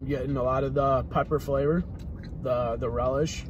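A man's voice: medium pitch, steady tone, moderate pace, lo-fi sound. A young man co-hosting a food review vlog, chatting casually and laid-back while talking with his mouth full of food. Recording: noisy with street traffic behind.

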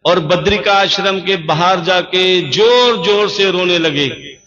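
A male preacher at a temple tells a scripture story with a high, bright, forceful voice. He is animated, acts out the dialogue and repeats lines for emphasis. The recording is dull and lo-fi. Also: slow. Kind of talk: devotional scripture storytelling sermon.

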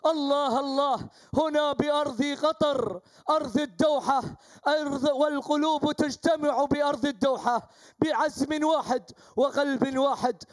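A man's voice: extremely high pitch, fairly even intonation, moderate pace. A man with a Gulf Arabic accent giving live commentary on a falcon race, chanting names and exclamations over and over.

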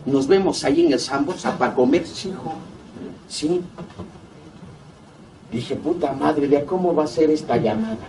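A man's voice: on the high side, animated, a little slow, long pauses. A middle-aged man with a Mexico City accent giving a blunt, heavily profane recovery testimony, acting out both sides of remembered conversations. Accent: Mexico City Spanish. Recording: distant mic with faint background noise.

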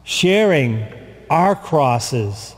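An older priest's voice, slightly high and swinging widely in pitch, delivers a slow, solemn sermon full of long pauses and repetition. He preaches from the pulpit of a large church. The sound, taken from a distant camera and pulpit mic, has a long, echoing reverb.

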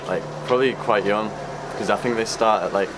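A man's voice: on the low side, a little fast, background noise. A young man giving a rambling answer full of fillers in a street interview. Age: young adult. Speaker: passer-by interviewee. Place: outdoors by a building.

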